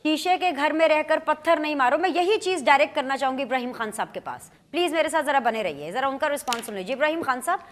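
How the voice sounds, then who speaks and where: Woman, Pakistani Urdu accent, news anchor, pointed questions, high voice. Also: animated, quick pace, hardly any pauses. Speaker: talk show host. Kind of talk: news talk show anchor.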